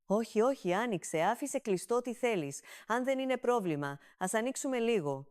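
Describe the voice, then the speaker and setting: A woman's voice: on the high side, lively intonation, darkish tone, clean tone, dry recording, studio quality, voice pushed up, lightly acted. A woman voicing a chatty, polite young woman with an eager manner.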